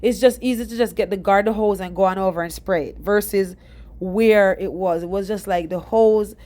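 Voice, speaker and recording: A young Jamaican woman with a mellow, mid-range voice rambles casually through a voice-over about her garden. She's a DIY gardening vlogger, chatty and fast-talking, sounding stuffy and short of breath.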